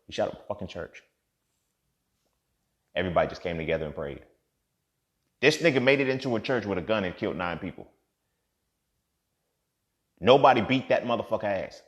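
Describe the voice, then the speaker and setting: A man in his thirties giving a profane, impassioned monologue as a podcast host, swinging from low muttering to loud outbursts. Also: expressive, brisk, long pauses, highs cut off. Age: 30s.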